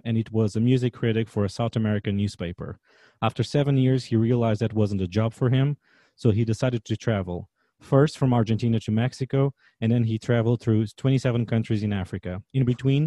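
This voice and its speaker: A man's voice: medium pitch, warm tone, dry recording. A man from Portugal with a Portuguese accent, hosting a podcast interview with friendly, upbeat introductions. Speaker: podcast host and chef.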